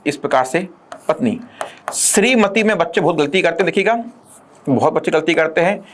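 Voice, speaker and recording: A man with a slightly high voice delivers an exam-prep lesson. He drills his students with constant rhetorical questions and slows to a deliberate pace when dictating definitions. The tone is that of a classroom lecture. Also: slight background noise. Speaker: teacher.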